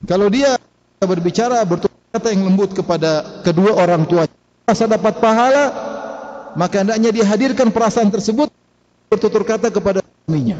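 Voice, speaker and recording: A male preacher with a high-pitched, slightly mellow voice gives a conversational sermon lecture, putting questions to the audience and laughing now and then. The recording is dull, with the reverberation of a hall.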